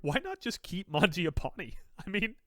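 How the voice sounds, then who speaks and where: A man's voice: sits high, lively intonation, normal speed, dry recording. A young man co-hosting a casual sports podcast, pushing back with playful, mock-dramatic stories. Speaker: podcast co-host.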